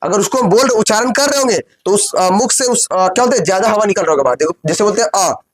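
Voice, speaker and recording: A man's voice: high-pitched, very fast. Man teaching by question and answer. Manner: asks questions and answers them himself, repeats phrases while dictating. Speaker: coaching class teacher. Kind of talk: classroom lesson with call-and-response. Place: classroom with students.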